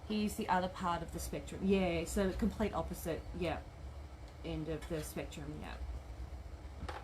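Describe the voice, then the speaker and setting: During a home craft livestream on a tablet, a craft shop owner sews, chats, mutters to herself, and answers the comments viewers leave. Her voice is fairly low and her pace a little slow. Background noise is present.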